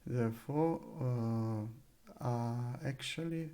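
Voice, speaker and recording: Slow, halting man coding aloud. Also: mid-range voice, dark tone. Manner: halting, thinking aloud with many fillers and self-corrections. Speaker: coding tutor. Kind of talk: live coding screencast narration. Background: keyboard typing and clicks.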